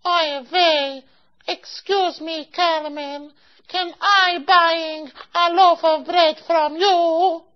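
A woman's voice: extremely high pitch, fairly even intonation, very slow, exaggerated voice. A woman doing a fussy old matchmaker lady. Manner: broken English sprinkled with Yiddish words; picky, insistent, repeats herself. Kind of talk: amateur comic storytelling skit. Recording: dull lo-fi recording.

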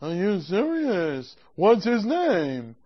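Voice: mid-range voice, huge pitch swings, slow pace, husky, exaggerated voice. A performer playing an obliging small-town baker who keeps agreeing to every request. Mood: patient. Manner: agreeable, keeps saying no problem. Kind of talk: amateur comic storytelling skit. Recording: dull lo-fi recording.

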